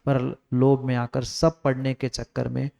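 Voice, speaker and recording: Monk guy preaching, repeats himself a lot, gets loud then goes quiet, smooth clear voice. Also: medium pitch, monotone, measured pace. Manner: emphatic, repetitive exhortation, swings from raised to hushed. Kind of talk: sermon.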